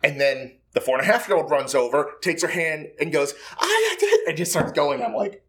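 A man in his thirties, a podcast cast member, telling animated stories and laughing often in a studio. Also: on the high side, brisk. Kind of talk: casual chat.

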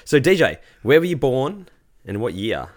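A man's voice: medium pitch, very animated, moderate pace, no echo, clean studio sound. An Australian man hosting a podcast, chatting casually as he interviews a guest. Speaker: podcast host.

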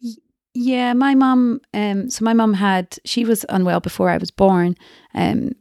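Glaswegian woman with a creaky voice. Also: mid-range voice, steady tone, measured pace, a little mellow, no room sound, studio quality. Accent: Glaswegian Scottish. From Glasgow, Scotland. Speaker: interview guest. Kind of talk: candid personal storytelling in conversation.

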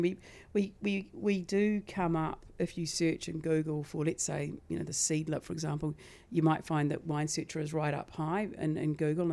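A woman with a New Zealand accent talks casually as a podcast guest, chatty and quick to laugh. Her voice is notably low for a woman. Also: creaky, dark tone. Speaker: guest from a wine website. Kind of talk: casual interview chat.

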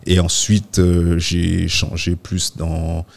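Interview guest: man, deep low voice, halting, full of fillers. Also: completely flat delivery, creaky. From Guadeloupe. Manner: hesitant, many fillers and restarts. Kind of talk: casual interview talk.

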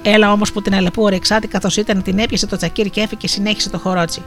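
A storyteller telling a folktale in a lively Asia Minor Greek dialect. The voice is mid-pitched and steady, with faint music playing underneath. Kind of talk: folktale narration.

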